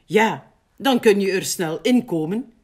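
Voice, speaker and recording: Woman voicing storybook sheep, cheerful, coaxing, raised pitch. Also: big pitch swings, takes it slowly, full character voice. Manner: bright, coaxing.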